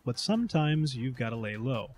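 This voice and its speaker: A man's voice: mid-range voice, big pitch swings, moderate pace, over music. A man giving scripted narration as he recaps a party game.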